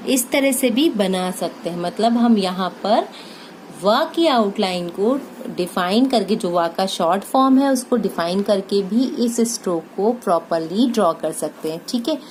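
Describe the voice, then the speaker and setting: A woman with an Indian accent teaching shorthand step by step, spelling out each word sound by sound and pausing often to check understanding. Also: mid-range voice, animated, a little mellow, a little hiss or hum, low-quality recording. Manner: slow and deliberate, spelling out words sound by sound, frequent "ठीक है" checks. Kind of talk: step-by-step tutorial.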